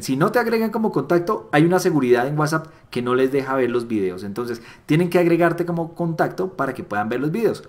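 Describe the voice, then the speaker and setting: Animated man coaching sales. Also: fairly high pitch. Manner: animated, acts out little dialogues with voice shifts; repeats key phrases for emphasis. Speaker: network marketing trainer. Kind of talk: motivational sales training talk.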